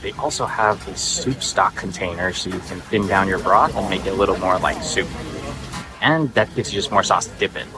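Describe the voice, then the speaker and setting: A man's voice: low-pitched, normal speed, over music, rough recording. A man hosting a food vlog, giving casual, informal and enthusiastic commentary on what he eats. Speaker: food vlogger and host.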